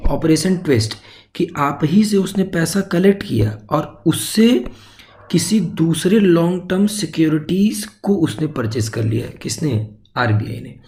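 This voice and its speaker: A man's voice: on the high side, mellow, poor audio. A male exam-prep teacher giving an explanatory lecture, walking through each step and asking then answering his own questions, with English terms mixed into his talk. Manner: mixes English terms into Hindi.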